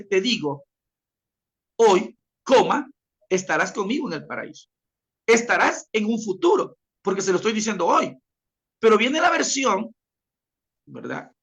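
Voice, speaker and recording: A man gives a classroom lecture, leaning on repeated examples and addressing his listeners directly. His pitch moves a lot, rising and falling as he explains. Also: bright, forceful tone. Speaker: teacher.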